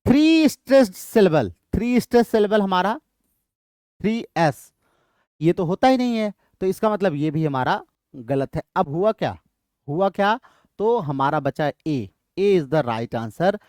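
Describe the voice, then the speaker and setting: A man's voice: high voice, very animated, measured pace, a little mellow, dry recording, clean studio sound. A man with an Indian English accent teaching an exam-prep lesson. He repeats his points often and asks questions that he answers himself.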